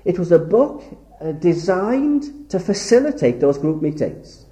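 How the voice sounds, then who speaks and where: In an echoey hall, a man raised in Wales delivers a sermon-style lecture, speaking earnestly and a little slowly while stretching key words for emphasis. His voice is mellow and dark but swings widely in pitch.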